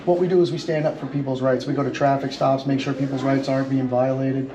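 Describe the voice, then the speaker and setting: A middle-aged man from Long Island, New York, hosts a civil-rights audit vlog and chats casually with people he meets at a post office and its outdoor car park, coming across as talkative, polite and emphatic. His mid-range voice barely moves in pitch and he talks fast. The camera rig is held at chest or face level, and the recording is clear despite outdoor noise and a crowd behind him.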